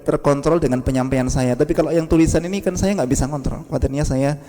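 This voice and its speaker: Brief: male teacher, mellow tone, patient drills, long echoing reverb of a mosque hall. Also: on the high side. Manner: patient, demonstrates sounds slowly and quizzes the class. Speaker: Quran recitation teacher. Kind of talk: classroom lesson with drills.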